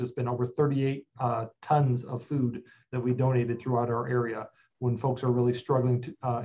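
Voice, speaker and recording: A man's voice: medium pitch, mellow, muffled recording. A man in his forties explaining shelter services steadily over a video call, with many filler sounds. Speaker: animal shelter representative. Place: office with plain wall.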